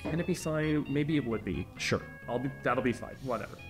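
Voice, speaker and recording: A man giving casual commentary while he plays a video game, muttering to himself and then urging the pieces on in excited bursts. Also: mid-range voice, fairly quick. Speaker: player. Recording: roomy echo, faint game music.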